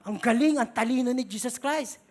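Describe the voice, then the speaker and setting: A woman's voice: fairly high pitch, brisk, a little mellow. A woman pastor with a Filipino accent preaching a sermon dramatically in a mix of Tagalog and English.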